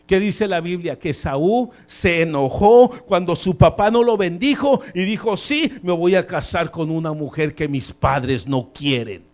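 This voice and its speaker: A male pastor preaching a sermon in a church. He talks in animated bursts, swinging between loud emphasis and quiet asides, and drops in English phrases now and then. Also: sits high, unhurried, hardly any pauses. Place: church sanctuary.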